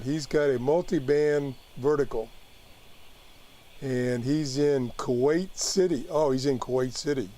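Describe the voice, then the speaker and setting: A man giving a casual live app tutorial as host, haltingly thinking aloud as he works through it. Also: medium pitch, dark tone. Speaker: host demonstrating a radio app.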